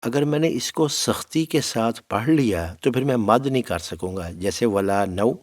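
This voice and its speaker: A middle-aged man teaching Quran recitation who speaks patiently, calls his students "my child" and draws out syllables slowly to demonstrate them. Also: medium pitch, expressive. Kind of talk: tajweed lesson.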